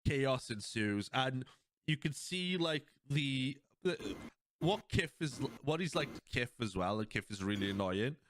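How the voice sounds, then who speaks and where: A man hosting a podcast, chatting casually and retelling cartoon scenes in a rambling, animated way. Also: medium pitch, measured pace, a little hiss or hum. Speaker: podcast host. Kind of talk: casual chat.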